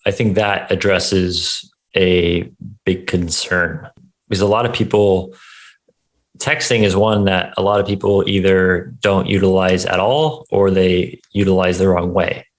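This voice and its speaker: Male host, low-pitched voice, informal and chatty interview style. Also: level tone, measured pace. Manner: informal, conversational. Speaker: show host. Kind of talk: casual interview chat.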